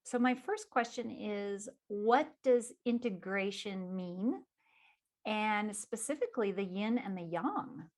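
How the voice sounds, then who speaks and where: A woman's voice: medium pitch, takes it slowly, darkish tone. A woman hosting an interview and organizing a conference, asking questions and affirming her guest with frequent "mm-hmm"s.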